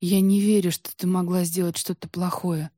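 A woman's voice: on the low side, flat delivery, moderate pace, mellow, dry recording, studio quality, natural voice. A woman voicing a guilt-ridden young sorceress who pleads for forgiveness in an audiobook. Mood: disbelieving.

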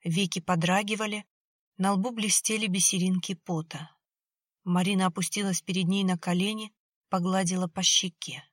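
A woman reading an audiobook in an even, measured scripted narration. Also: on the low side, no room sound, studio quality.

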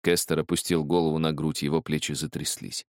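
A man with a very low voice reads an audiobook in a measured, grave manner. The recording is dry and close, with no room sound. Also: little pitch movement, dry recording. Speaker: audiobook narrator. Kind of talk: dramatic audiobook narration.

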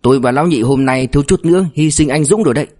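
A man's voice: a little high, racing, a little mellow, lightly acted. Man doing cunning young male cadet, sly, teasing, near the narrator's own voice, faint music.

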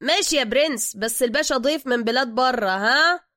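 A woman voicing a brash streetwise male taxi driver with an Egyptian accent, talking loud and fast. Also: high voice, no room sound, clean studio sound.

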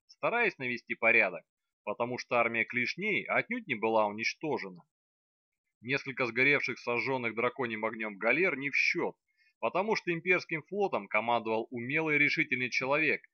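Bright-voiced man narrating an audiobook. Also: medium pitch, no room sound, muffled recording.

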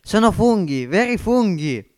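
A man voicing an excitable, scheming poor laborer in an amateur audiobook reading. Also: medium pitch, normal speed, natural voice. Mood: eager. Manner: eager, blustering, conspiratorial.

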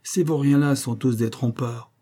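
A man's voice: medium pitch, normal speed, dark tone, voice pushed up, natural voice. A man voicing a bluff, jovial middle-aged father with a teasing manner.

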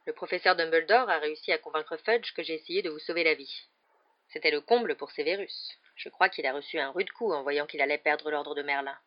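A reader voicing a gentle, weary male teacher who speaks in a calm, measured way. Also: mid-range voice, natural voice. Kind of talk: audiobook character voice. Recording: slightly dull lo-fi recording.

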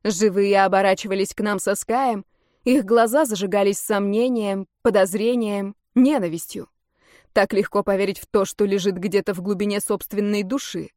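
A woman narrating a first-person fantasy audiobook in an even, measured reading. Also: medium pitch, no echo, clean studio sound.

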